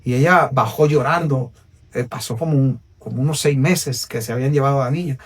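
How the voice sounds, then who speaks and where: A man with a Puerto Rican accent, an evangelist telling his personal testimony on a podcast in an earnest, preacherly way, going from hushed to emphatic. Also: mid-range voice, brisk, husky, distant mic. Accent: Puerto Rican Spanish. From Puerto Rico.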